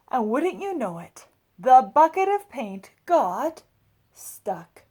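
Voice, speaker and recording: A woman with a high voice reads a picture book aloud to children, giving it expressive, dramatic emphasis and adding chatty asides to her listeners.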